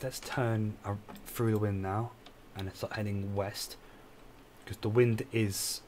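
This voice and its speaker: A man's voice: lowish voice, noisy background. A tired man, rambling and correcting himself as he explains a game he is playing live. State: tired, yawning. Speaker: game streamer. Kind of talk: casual live gameplay commentary.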